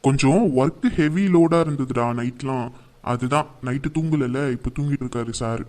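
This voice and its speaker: A man acting as a calm older brother who gently defends his younger sister. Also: medium pitch, moderate pace, lightly acted. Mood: teasing. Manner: gentle, reasoning.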